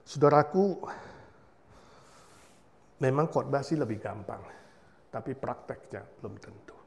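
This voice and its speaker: A male pastor preaching at a memorial service, swinging between loud exhortation and hushed prayer, with English words mixed in. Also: mid-range voice, animated, measured pace, vocal fry, slight background noise. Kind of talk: sermon. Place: church.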